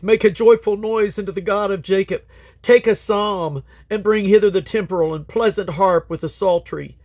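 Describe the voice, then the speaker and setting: Reading the Bible aloud, a man with a slightly high voice speaks in a solemn, declamatory way, with his phrases tending to drop at their endings.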